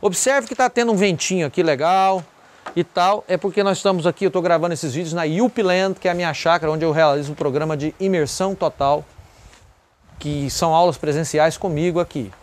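A man's voice: on the high side, brisk. A man with a Brazilian Portuguese accent teaching an English vocabulary lesson outdoors in a breezy spot at a country property, in a chatty way, repeating each word for practice. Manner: chatty, repeats words for drilling. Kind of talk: casual video lesson.

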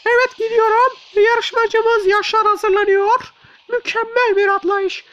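A man voicing a squeaky-voiced young male sidekick who talks in a chirpy, eager way. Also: little pitch movement, a little slow, pushed and bright, exaggerated voice. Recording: dull lo-fi sound.

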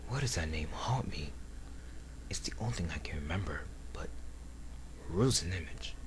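A man's voice: low-pitched, expressive, voice pushed down. A man voicing an arrogant, brooding hedgehog antihero from a video game, with a cold, dramatic delivery. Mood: brooding, hushed. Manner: slow, dramatic, haughty, cold. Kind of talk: video game character voice demo. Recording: noisy amateur home recording.

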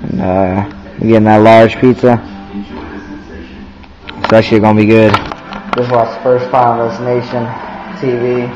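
A teenage young man chats casually to a handheld camera held close by, using slang and profanity in a vlog-style talk. His mid-range voice stays level in tone at normal speed, with long pauses. The noisy, lo-fi handheld recording has music playing underneath.

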